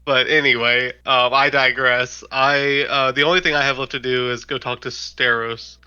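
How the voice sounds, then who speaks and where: Very bright-voiced man playing a tabletop game. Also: mid-range voice, steady tone, moderate pace, clear, resonant tone, dull audio. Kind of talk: casual in-character role-play.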